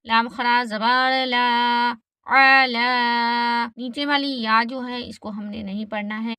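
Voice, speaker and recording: Slow, bright-voiced woman teaching recitation. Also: a little high, no echo. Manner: spells each letter with its vowel mark, then blends the word; explains reading rules quickly between recitations. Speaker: Quran reading teacher. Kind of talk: slow letter-by-letter recitation lesson.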